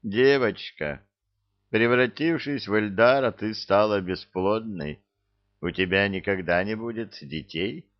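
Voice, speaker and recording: A man's voice: on the low side, measured pace, dull audio, lightly acted. A man voicing a grumpy, sarcastic male cook who talks bluntly and scolds. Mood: grumbling. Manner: grumbling, blunt.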